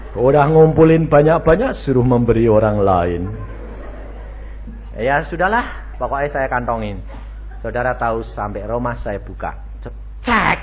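A male pastor, preaching a sermon and acting out voices as he tells stories. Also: medium pitch. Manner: animated storytelling, acting out dialogue voices. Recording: dull lo-fi radio stream with faint noise.

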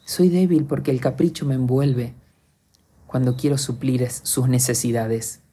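An Argentine man speaks in a reflective podcast monologue, earnest and confessional as he addresses his listeners directly. His voice is mellow and dark in tone, with a slightly husky grain. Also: mid-range voice, fairly even intonation, measured pace. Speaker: podcast host.

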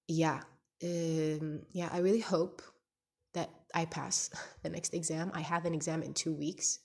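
Low-voiced young woman rambling into her phone. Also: darkish tone, slightly rough. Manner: rambling and hesitant, full of restarts and "like". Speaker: podcaster. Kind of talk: personal audio diary. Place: at home.

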